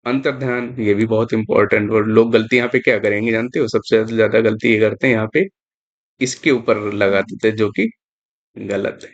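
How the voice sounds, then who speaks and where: A man's voice: lowish voice, steady tone, normal speed. Man teaching spelling over dull audio. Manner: repetitive, emphatic, stresses importance. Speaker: exam prep teacher. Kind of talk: explaining spelling on screen.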